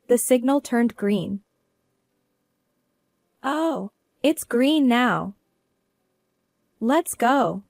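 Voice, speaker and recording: A woman telling a first-person story as narrator, in a steady, earnest way. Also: mid-range voice, dry recording, studio quality.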